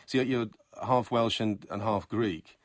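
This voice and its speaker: A man with a lowish, slightly slow voice hosts a late-night radio show from a studio, speaking into a studio microphone. He chats with a female guest, sums up her answers in German, and leads her with questions that end in trailing tags.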